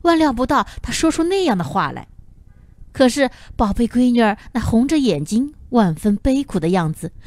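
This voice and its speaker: A woman narrating a novel as an audiobook in an expressive storytelling manner. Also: on the high side, normal speed, no echo.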